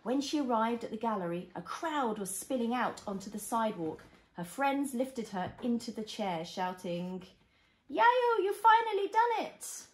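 A woman's voice: fairly high pitch, lively intonation, normal speed. A woman, a mother, reading a storybook aloud to a toddler expressively, with simple explanations and little questions. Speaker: mother reading a picture book to a child. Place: indoors, small living room at home. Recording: roomy echo of a home room.

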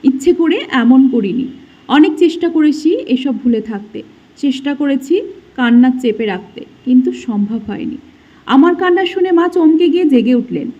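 A high-pitched woman narrates a heartbreaking first-person story in a soft, emotional, scripted way. Her colors the telling. The recording sounds slightly dull and muffled. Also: lively intonation, normal speed.

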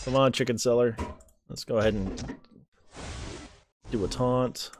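A man's voice: medium pitch, fairly even intonation, measured pace, background noise. A man hosting a gaming channel, chatting casually through a let's-play, jokingly reading game dialogue aloud and admitting he is unsure how names are pronounced. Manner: reads game dialogue aloud and laughs at it, jokes around.

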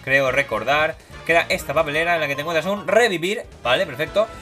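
A man's voice: fast, sharp tone. A young man gives casual, playful commentary while playing a video game. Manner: playful, voices game characters in silly high tones. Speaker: gaming YouTuber. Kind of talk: casual Let's Play commentary. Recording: game music behind voice.

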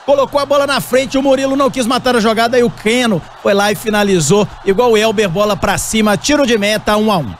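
A Brazilian man giving live radio football commentary as match reporter, excitable and emphatic, often repeating his exclamations. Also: high voice, fast talker, few pauses, soft background music.

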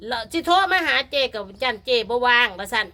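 Brief: middle-aged Phu Thai Isan woman, high bright voice, loud and teasing, laughs through her chat. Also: expressive, quick pace. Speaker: vlogger challenging a lottery rival. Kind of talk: casual chat to viewers.

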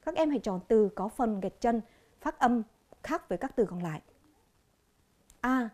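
Vietnamese woman, TV English teacher, warm mellow voice, slow clear drilling of each word. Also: fairly high pitch, lively intonation. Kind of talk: televised classroom lesson.

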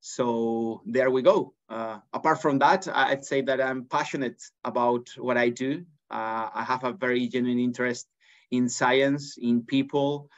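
A Spanish man in his thirties, speaking with a Spanish accent, appears as an interview guest from an office with large windows, talking earnestly with frequent restarts and fillers. His medium-pitched voice is fairly even and measured, captured by a laptop webcam on a video call with dull, lo-fi audio.

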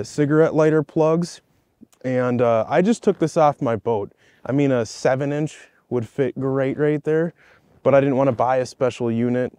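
A man's voice: medium pitch, dark tone, dry recording. A man in his thirties, outdoors on a frozen lake, chatty and enthusiastic as he shows off his gear, laughing between words. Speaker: ice-fishing video host. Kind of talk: casual gear walkthrough.

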